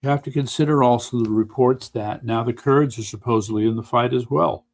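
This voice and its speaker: A man with a gravelly, creaky voice hosts a relaxed news chat show. He talks at an unhurried, even pace and drops in dry asides. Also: medium pitch. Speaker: podcast host.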